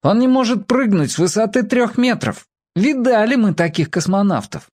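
A man's voice: fairly high pitch, animated, slow pace, a little mellow, voice pushed up. A man reading a storybook, voicing the oldest and most sensible boy of a group, who talks in a scornful, matter-of-fact way.

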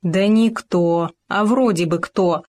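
A woman's voice: fairly low pitch, slow pace, a little mellow. A woman voicing a cocky, bossy hamster. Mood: lecturing. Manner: bossy, lecturing. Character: cocky clever male hamster.

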